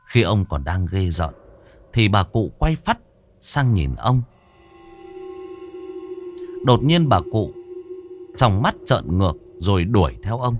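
A man narrating a horror story in a dramatic, expressive way. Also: sits low, slow, pauses often, faint music behind.

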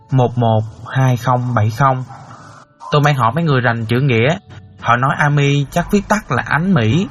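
A man's voice: medium pitch, fairly bright tone, lightly acted. An actor playing a middle-aged father who earnestly recounts a painful story. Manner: earnest storyteller, cries out in emotion. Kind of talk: audiobook character acting.

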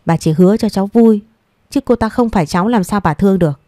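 A woman's voice: mid-range voice, quick pace, dark tone, no room sound, clean studio sound, voice pushed up, natural voice. A woman voicing a domineering, scornful older mother in an audio story, speaking in a scolding tone. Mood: resentful. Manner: scolding, contemptuous.

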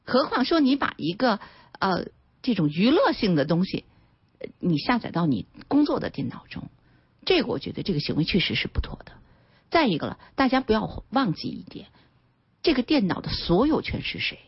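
A woman lawyer as a guest on a radio talk show, explaining points in an animated way and acting out everyday examples. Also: medium pitch, fairly quick, husky, no echo. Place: radio studio. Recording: dull radio broadcast sound.

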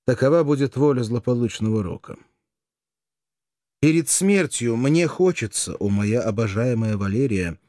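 A man's voice: fairly low pitch, mellow, no echo, studio quality. Doomed gladiator's farewell letter, mournful and declaiming, a man reading it.

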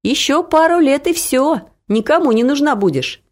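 A woman voicing a tart, meddling middle-aged aunt with a snide, sharp way of talking. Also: expressive, normal speed. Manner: sharp, snide, raised pitch.

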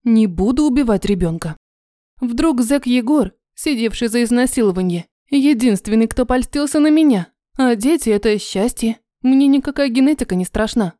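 A woman narrates an audiobook in the first person, wry and confessional. Her voice is fairly high but mellow, recorded close and dry. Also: no room sound.

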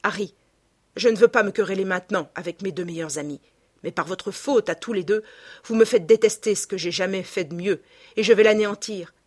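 A woman's voice: medium pitch, brisk, natural voice. A woman voicing an earnest, devoted male painter who speaks in emphatic, urgent exclamations, in an audiobook reading.

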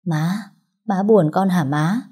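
A woman's voice: fairly low pitch, slow pace, mellow, breathy edge. Woman doing a defiant young village girl. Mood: pleading. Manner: defiant, pleading.

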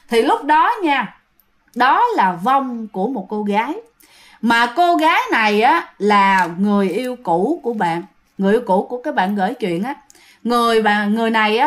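A woman with a Southern Vietnamese accent narrates a ghost story in a relaxed, chatty tone. Her voice sits a little high, and she keeps turning to address her listeners directly.

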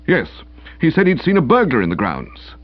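A man's voice: fairly high pitch, wildly swooping pitch, normal speed, dry recording, voice pushed up. A man voicing a pompous young village policeman who speaks in a stiff, officious, sullen manner. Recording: dull dry lo-fi recording.

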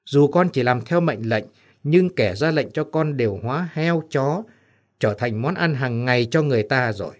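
A man's voice: medium pitch, lively intonation, moderate pace, close to an everyday voice. A man voicing the sorrowful ghost of a young son in an audio story, speaking sadly. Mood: mournful. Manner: sad, mournful.

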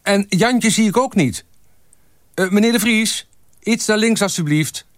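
A man's voice: measured pace, dry recording, clean studio sound. A man reading aloud from a novel, voicing a cheerful photographer who calls out to a group posing for a photo. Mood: calling out. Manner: calling out loudly, high-pitched.

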